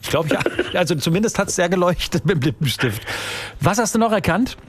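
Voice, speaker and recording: A man hosting a radio call-in quiz, chatty and upbeat, quick to praise and joke with the caller. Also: sits high, lively intonation, slight background noise. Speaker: radio host.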